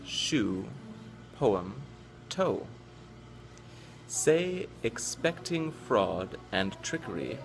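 American male teacher, lowish gravelly voice, measured word-by-word reading, music behind. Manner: deliberate, word by word. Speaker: English teacher. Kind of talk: slow careful poem reading.

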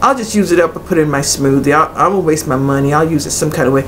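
A woman's voice: sits low, fast. Middle-aged woman, blunt, noisy webcam. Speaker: product reviewer. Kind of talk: casual vlog review. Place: small cluttered room indoors. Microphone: webcam at arm's length. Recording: noisy webcam recording with room ambience.

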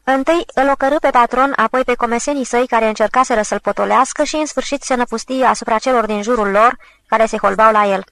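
A woman narrating a literary audiobook with a measured, expressive reading. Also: fairly high pitch, no echo, low-quality recording.

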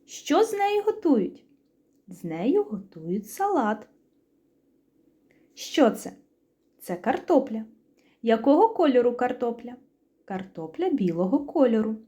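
Woman teacher, Ukrainian accent, gently sing-song for small children, mellow and unhurried. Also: a little high. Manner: slow, sing-song, clearly enunciated question and answer. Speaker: preschool teacher. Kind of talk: speech lesson for young children.

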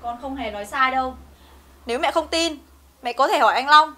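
A woman's voice: high voice, brisk, pushed and bright. An actress playing an earnest young mother, firm and pleading by turns. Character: young mother defending her daughter, earnest. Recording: echoey room, distant mic, music behind.

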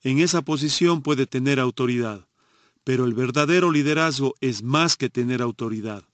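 A man narrating a nonfiction audiobook in a measured, steady reading. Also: mid-range voice, no room sound.

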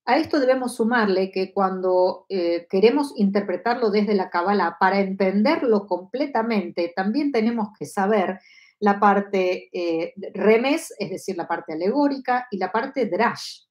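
A woman's voice: medium pitch, a little slow, darkish tone, highs cut off. A woman in her fifties with an Argentine Spanish accent, teaching a live online lesson from her home study on a lapel mic, often checking that listeners follow. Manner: explanatory, asks listeners for agreement. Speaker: Kabbalah teacher.

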